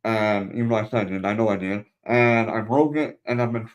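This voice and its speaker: A man's voice: on the low side, fairly quick, rough recording. Man hosting a martial arts podcast. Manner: conversational, drawing lessons from stories. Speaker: podcast host. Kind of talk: casual interview conversation.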